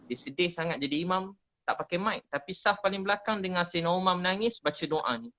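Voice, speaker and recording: A Malaysian-accented preacher man with a bright, clear-edged voice. He gives earnest religious advice in conversation and often slows down to repeat prayer lines softly. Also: high-pitched, low-quality recording.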